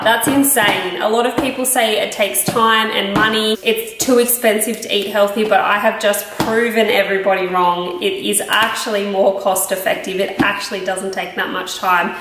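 Her voice is fairly high and fairly bright: a thirty-something Australian health vlogger casually talking through a cooking routine on camera. She's in a home kitchen that echoes, and there's noise in the background.

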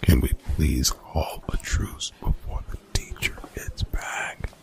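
In an ASMR roleplay, a man plays a young college bully, whispering in a breathy, gravelly low voice. He's gruff, defensive and grudgingly apologetic, using exasperated slang and swearing, speaking slowly in his natural voice.

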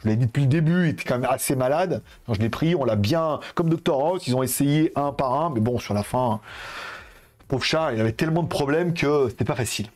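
A man's voice: medium pitch, fairly quick, darkish tone. A young man chatting casually with viewers while hosting a live-stream giveaway, rambling and informal, with lots of fillers. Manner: addresses viewers directly.

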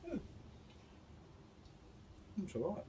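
A man's voice: extremely slow, mellow, slight background noise. A man reviewing food at home in a casual chat, chewing while talking and giving laid-back, understated verdicts.

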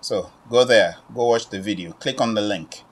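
A man in his forties from the Democratic Republic of Congo, standing in his own shop and pitching an online training straight to the camera, repeating himself and tagging lines with "okay?". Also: moderate pace. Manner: repetitive, urging, with frequent "okay?" tag questions. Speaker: business owner promoting online training. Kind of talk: direct-to-camera sales pitch. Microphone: camera at medium distance, standing.

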